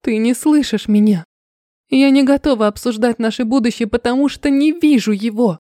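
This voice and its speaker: A woman's voice: a little high, moderate pace, mellow, no echo, studio quality, pitched above the performer's own voice, close to an everyday voice. A woman voicing a frightened, defiant young wife who speaks in a tense, pleading way, in a storybook reading.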